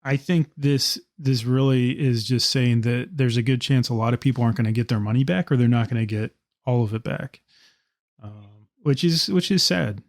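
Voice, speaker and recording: A man co-hosting a podcast, talking in a relaxed, reflective way with light joking. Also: medium pitch, normal speed, no room sound. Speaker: podcast co-host. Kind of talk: casual podcast discussion.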